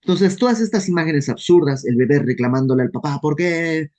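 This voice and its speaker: A man with a Mexican accent leading a casual verse-by-verse Bible study, lively and self-deprecating, often acting out questions in quoted voices. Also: fairly high pitch, fast talker. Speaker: Bible teacher.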